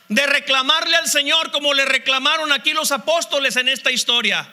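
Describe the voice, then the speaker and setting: A man's voice: extremely high pitch, sharp tone. A man preaching a sermon as pastor, passionately posing one rhetorical question after another.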